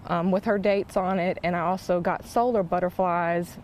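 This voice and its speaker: A woman speaking in an interview as a grieving mother, slow and heartfelt. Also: lowish voice, steady tone, a little mellow, slight background noise.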